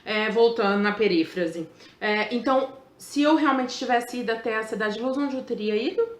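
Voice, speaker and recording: A middle-aged woman teacher with a fairly high voice gives a relaxed grammar lesson. She jokes, teases and keeps asking her students whether they follow. The sound carries the echo of a room. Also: normal speed. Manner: playful, asks the class constantly and jokes aside.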